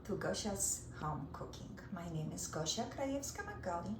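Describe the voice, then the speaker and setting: A woman's voice: on the low side, sing-song, moderate pace, roomy sound, noisy background. A middle-aged woman from Poland with a Polish accent, hosting a home cooking show and chatting through each step as she works in her kitchen. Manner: chatty, explains each step while working.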